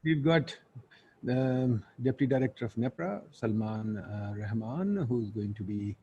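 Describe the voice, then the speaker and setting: A man's voice: medium pitch, animated, measured pace, warm tone, lo-fi sound, slight background noise. A man with a Pakistani accent hosting an online webinar in an informal, blunt way, with Urdu asides. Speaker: webinar host and moderator. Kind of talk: informal spoken webinar introduction.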